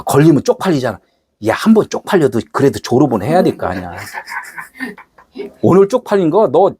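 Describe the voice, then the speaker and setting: Animated pastor with a lively, swinging voice. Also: male voice, mid-range voice, breathy edge, dry recording. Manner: colloquial and animated, acting out short quoted exchanges. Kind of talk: sermon.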